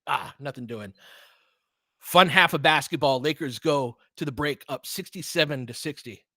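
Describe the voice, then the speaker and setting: A man with a bright, forceful voice on the high side speaks at normal speed in a dry recording. He calls live basketball play-by-play in brief, clipped fragments, cheering openly for his team throughout.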